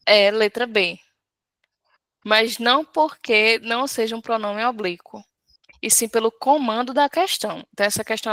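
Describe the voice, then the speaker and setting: A woman's voice: fairly high pitch, pushed and bright, dry recording. A woman teaching Portuguese in a live class, patiently walking through an exam question and checking in with her students. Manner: patient, explains step by step, checks in often with "certo?".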